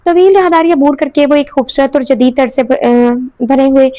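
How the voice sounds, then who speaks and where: A woman reading a romance novel aloud in steady storytelling narration, sometimes correcting herself. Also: high-pitched, moderate pace, no echo. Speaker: audiobook narrator.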